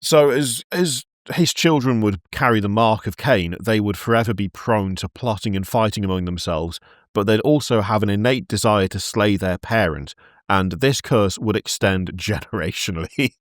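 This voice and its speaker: A man's voice: lowish voice, moderate pace, no echo, studio quality. A man hosting a podcast, retelling lore in casual chat and laughing often mid-sentence. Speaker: podcast host narrating lore.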